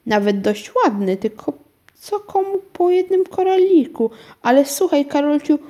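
A woman voicing a chatty, forgetful elderly aunt in a children's storybook reading, talking slowly and dreamily. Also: high voice, lively intonation, dark tone, pitched above the performer's own voice. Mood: puzzled, coaxing. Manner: slow, dreamy and coaxing.

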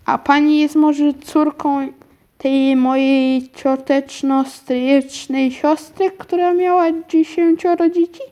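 A woman's voice: high voice, fairly even intonation, slow pace, mellow, voice pushed up. Woman reading as a fussy, flustered old aunt. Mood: indignant. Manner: flustered, questioning. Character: fussy, bewildered elderly aunt. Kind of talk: storybook reading.

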